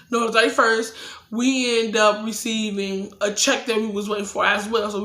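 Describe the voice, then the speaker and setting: A woman's voice: medium pitch, sharp tone, roomy sound. A young woman telling a casual, profane storytime and acting out her own heated replies.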